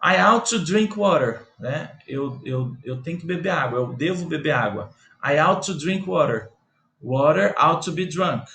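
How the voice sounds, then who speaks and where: A man's voice: fairly high pitch, expressive, measured pace, sharp tone, a little hiss or hum. A Brazilian man with a Brazilian Portuguese accent teaching English grammar patiently, repeating himself and checking in with the listener often. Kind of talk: slow grammar lesson explaining English to Portuguese speakers.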